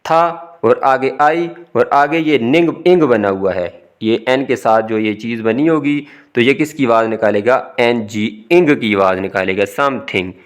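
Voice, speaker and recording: A man's voice: medium pitch, a little slow, few pauses, clean tone. A man, an English teacher explaining a recorded lesson step by step, his voice rising on each new word and dropping to finish it. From Pakistan.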